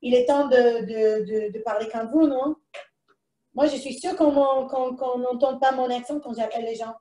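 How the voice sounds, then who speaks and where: A woman's voice: on the high side, steady tone, moderate pace, dark tone, roomy sound, distant mic. A woman with a foreign accent in French presents a live cooking demonstration from a kitchen, chatting to herself as she works. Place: kitchen, indoors.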